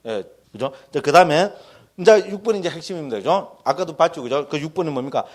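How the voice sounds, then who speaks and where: Korean monk lecturing, constantly checking in. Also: male voice, on the high side, lively intonation, fast. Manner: folksy, joking asides. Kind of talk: dharma lecture.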